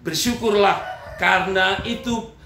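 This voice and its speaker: A man playing a kindly male pastor within his sermon illustration, speaking in a gentle, reassuring way. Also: high-pitched, measured pace, vocal fry, a little hiss or hum, heavily acted. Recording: echoey room.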